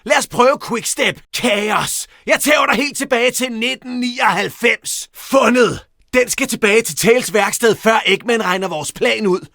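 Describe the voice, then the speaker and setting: A very high, bright voice for a young hedgehog hero in a video game. He is cocky, playful and quick with a teasing jab. The delivery is energetic, and the sound is dry and close. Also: vocal fry, no echo, full character voice. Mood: playful, confident. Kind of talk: animated video game voice acting.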